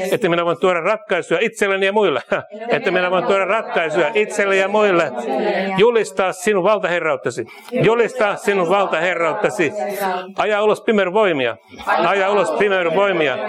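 A man leading a charismatic prayer, saying each line twice and breaking into bursts of speaking in tongues. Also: high voice. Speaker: prayer leader.

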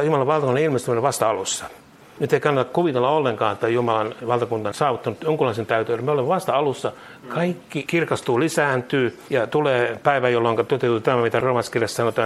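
A man preaching a sermon, emphatic and fervent, leading his listeners through declarations they repeat line by line. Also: medium pitch. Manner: emphatic, builds to rising fervor.

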